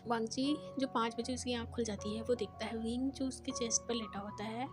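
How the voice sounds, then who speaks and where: A woman narrating a romance story in a steady, plain way, her voice sitting fairly high. Clear background music plays under her reading. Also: brisk. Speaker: fan fiction storyteller.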